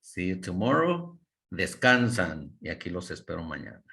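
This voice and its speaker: A man's voice: low voice, big pitch swings, normal speed, vocal fry, bright, forceful tone. Man teaching English by video call. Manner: coaching, mixes Spanish and English, models intonation. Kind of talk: online class feedback.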